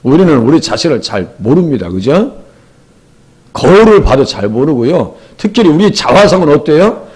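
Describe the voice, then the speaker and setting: A man's voice: fairly high pitch, normal speed, slightly rough. A middle-aged male pastor preaching a sermon and putting questions to the congregation. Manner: lively, asks the congregation questions, acts out quoted voices.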